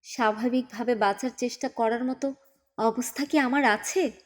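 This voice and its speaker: For an audiobook, a woman voices a grieving, irritable young mother who is sharp-tongued and snaps curtly at everyone, sounding bitter. Her voice is on the high side, fairly even in intonation, at normal speed, and lightly acted.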